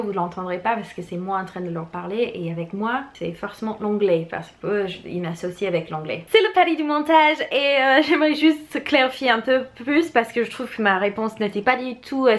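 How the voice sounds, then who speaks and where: A woman in her thirties from France, chatting candidly at home as she answers viewer questions, laughing often. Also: a little high. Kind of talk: casual chat. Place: home room.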